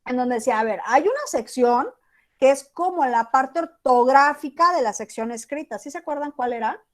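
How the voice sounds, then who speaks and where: A woman's voice: sits high, expressive, normal speed. A woman teacher with a Mexican accent giving an online class, talking casually and acting out example text messages. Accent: Mexican Spanish.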